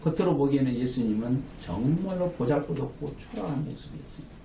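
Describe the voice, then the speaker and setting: A man's voice: mid-range voice, animated, fast talker, gravelly, dark tone, recorded from a distance, a little hiss or hum. A man preaching a sermon as pastor, with emphatic calls for amen, recorded from afar in a small room. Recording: echoey room, mic from afar.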